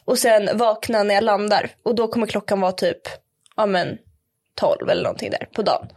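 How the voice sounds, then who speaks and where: A young woman chatting casually on a podcast, telling a story with lots of fillers and acted-out quotes. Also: mid-range voice. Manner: animated storyteller, acts out quotes in English. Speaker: podcast guest.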